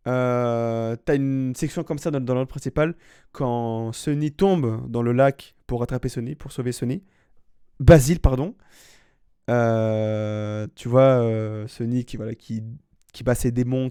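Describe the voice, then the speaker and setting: A man's voice: medium pitch, mellow, clear, resonant tone, no echo, clean studio sound. A man streaming a casual live reaction, rambling and slangy, often restarting his sentences.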